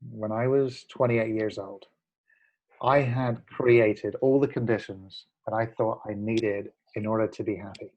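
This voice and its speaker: Over a muffled video-call recording, a man in his forties talks as a guest in a casual chat, recounting his story with earnest reflection and frequent fillers and restarts. His voice sits on the low side, darkish, fairly even in intonation, and a little slow.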